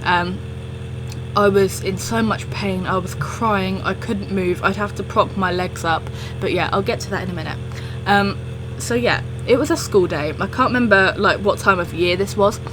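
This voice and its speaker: Over music, a young woman who makes storytelling videos recounts a personal story in a casual, rambling way, cutting herself off often. Her voice sits at medium pitch and moves at a normal speed, and the recording quality is low.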